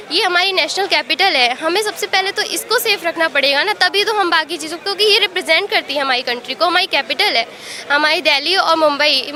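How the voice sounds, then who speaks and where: A woman's voice: high voice, pushed and bright. A young woman from Uttar Pradesh, an exam aspirant giving a street interview outdoors at a protest, talking earnestly and upset in long runs. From Uttar Pradesh, India. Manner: earnest, upset, speaks in long runs mixing English words.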